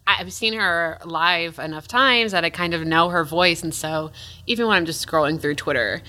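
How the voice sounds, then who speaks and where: Female co-host, bright tone, relaxed chatty delivery. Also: fairly low pitch, normal speed. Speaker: podcast co-host. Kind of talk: casual podcast chat.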